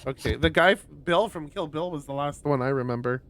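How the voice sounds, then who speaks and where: A man streaming a visual novel, reading the story aloud in a lowered voice with loud reactions. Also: fairly quick. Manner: reads narration in a lowered voice, reacts with loud exclaims. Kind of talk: reading a story game aloud with chatty asides.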